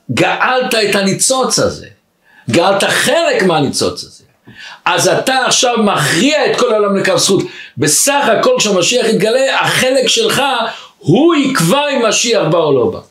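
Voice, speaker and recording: A man's voice: high-pitched, echoey room. A man, a rabbi, giving a weekly Torah lesson and acting out the lines of the people in his story. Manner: acts out the characters' lines in a rising, lively storytelling voice.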